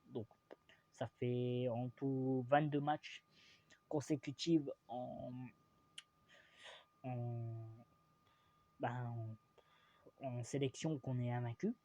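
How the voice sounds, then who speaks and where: A man's voice: mid-range voice, flat delivery, extremely slow, pauses often, mellow, muffled recording. A young man from France rambling through a casual football vlog, hesitant and full of fillers and restarts, teasing and opinionated. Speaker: vlogger.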